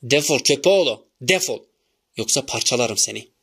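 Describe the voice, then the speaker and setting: A man reading an audiobook, voicing a furious old male work-team boss who shouts threats. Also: mid-range voice, expressive, fairly quick. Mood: raging.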